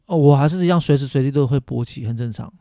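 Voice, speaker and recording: A man's voice: medium pitch, very fast, mellow, dry recording, clean studio sound. A man in his thirties with a Taiwanese accent, chatting casually and bluntly in slangy speech, often repeating himself. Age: 30s. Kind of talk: casual, frank chat.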